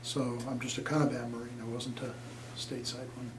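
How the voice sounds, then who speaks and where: In an oral history interview, an older veteran from Nebraska, USA, talks at a moderate pace in a medium-pitched voice with little pitch movement. He speaks plainly and rambles with many fillers. Faint noise, an echoey room and a distant mic mark the recording.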